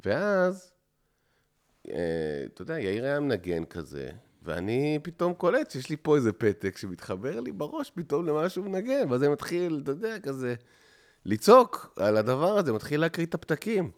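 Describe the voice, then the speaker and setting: An Israeli man, a musician guest on a casual podcast, telling stories and acting out other people's lines. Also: on the high side. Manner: animated storyteller who acts out other people's lines.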